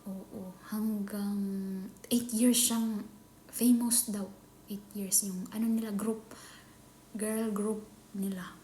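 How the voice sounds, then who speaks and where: A Filipino woman chatting casually in a vlog, often dropping into a hushed whisper. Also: medium pitch, level tone, slow, long pauses. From Philippines. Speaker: nanny vlogger. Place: employer's home. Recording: echoey room with faint ambient noise.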